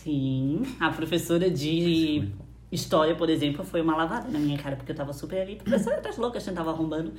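A woman's voice: low-pitched, fast talker, a little mellow, roomy sound. A young woman, a student, chatting casually and adding brief comments. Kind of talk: casual chat.

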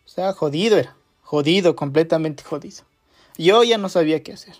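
A man's voice: fairly high pitch, fairly quick. A man telling a personal anecdote in a casual, rambling way, repeating phrases and leaning on fillers. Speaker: storyteller.

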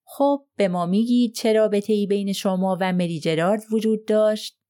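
A woman's voice: medium pitch, fairly even intonation, warm tone, lightly acted. Woman reading as a cold, firm lawyer. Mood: probing. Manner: probing, pressing questions. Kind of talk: audiobook character reading.

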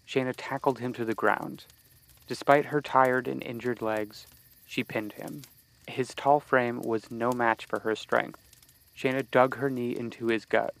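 Gravelly man narrating a horror story. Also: mid-range voice, rough recording. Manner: steady, measured storytelling.

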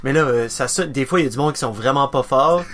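A man's voice: medium pitch, fast, fairly bright tone. A man, hosting a casual podcast chat, rambling with many restarts and English words mixed in. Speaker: podcast host.

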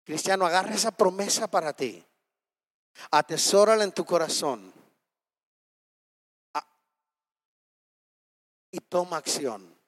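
A man's voice: high voice, animated, slow pace, pauses often, in a large hall. A man preaching a sermon with impassioned, emphatic repetition and rhetorical questions.

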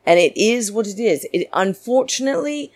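A woman's voice: mid-range voice, lively intonation, moderate pace, dry recording. A woman hosting a solo reality TV recap podcast in a campy, theatrical, diva-like manner, opinionated and gossipy. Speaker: podcast host.

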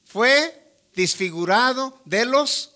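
Pastor guy preaching, really high bright voice, short fiery lines. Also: expressive, takes it slowly. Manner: preaching in short phrases, fervent exclamations. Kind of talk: sermon.

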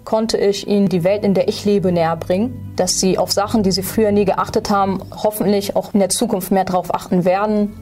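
A woman in her twenties giving a calm, earnest testimonial in a promo video. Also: medium pitch, a little fast, hardly any pauses. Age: 20s. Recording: music bed under voice.

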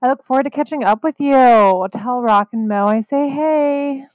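A man's voice: extremely high pitch, moderate pace, clear, resonant tone, no echo, lo-fi sound, voice pushed up. A man voicing a sweet, breezy young woman reading her text message. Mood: sugary.

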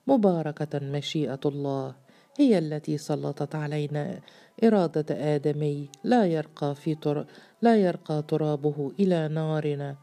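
Reading from a storybook, a woman with a low, dark-toned voice plays a stern, mocking male jinn just freed from a bottle, who preaches with severe scorn.

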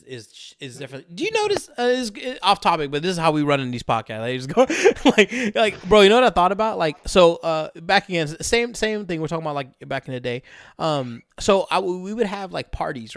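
A man's voice: on the high side, very animated, fairly quick, a bit bright, no room sound, studio quality. A young man co-hosting a podcast, telling a long party story in a rambling, profane way, with lots of fillers and laughter. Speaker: podcast co-host. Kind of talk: casual storytelling chat.

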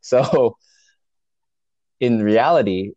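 A man casually recounting a story as a guest, with halting restarts and frequent chuckles. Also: medium pitch, mellow. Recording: dull lo-fi dry recording.

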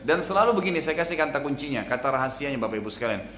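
A man giving an Islamic sermon, telling stories and asking rhetorical questions, his voice swinging between soft and loud. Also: mid-range voice, expressive, racing, slight background noise. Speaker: preacher. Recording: echoey hall with faint ambience.

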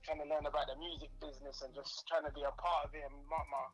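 A man's voice: fairly high pitch, little pitch movement, racing, fairly bright tone, soft background music, rough recording. A man with a London roadman accent and slangy street delivery, giving a casual interview as a guest rapper. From United Kingdom.

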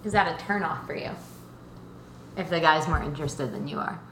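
A woman co-hosts a casual podcast, asking curious follow-up questions. Her voice is bright and sharp and rings in an echoey room. A faint wash of ambience sits behind her. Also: low-pitched, brisk, slight background noise. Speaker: podcast co-host. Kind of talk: casual chat.

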